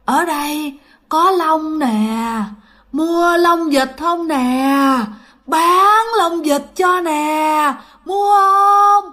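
A woman voicing a ghost hawker, calling from underground in a deep, eerie, drawn-out moan. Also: sharp tone, full character voice. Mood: wailing. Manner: drawn-out wailing calls.

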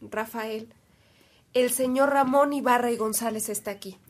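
A woman's voice: on the high side, steady tone, moderate pace, natural voice. An actress playing a devout, dutiful household woman in a radio drama, formal and deferential, with some noise on the recording. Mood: polite, welcoming.

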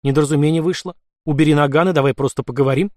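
A gloomy male commissar grumbles and presses his questions, as a male audiobook narrator puts him on. His voice is a touch higher than average. The recording is dry and close. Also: fairly even intonation, very fast, darkish tone, no echo, lightly acted. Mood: tense. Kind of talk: audiobook character voice.

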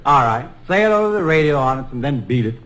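A man as MC and straight man on a 1950s radio comedy show, smooth and exasperated. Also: mid-range voice, expressive, fast talker, a bit bright, rough recording. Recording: old radio broadcast with live audience.

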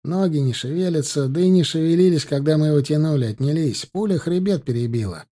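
Man doing a sober officer, dry and plain-spoken, mellow voice. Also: fairly high pitch, fast, close to an everyday voice. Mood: grim. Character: sober, matter-of-fact male officer.

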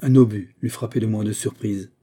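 A man narrating a historical novella as an audiobook, reading in a steady, measured way. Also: on the low side, slightly rough.

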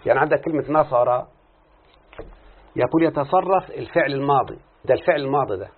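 Fast and slightly rough, a man's mid-range voice carries a recorded Arabic morphology lesson taught by an Egyptian sheikh. He keeps quizzing his students and then answering for them, switching between classical and colloquial registers. The recording has a tinny, lo-fi phone quality.

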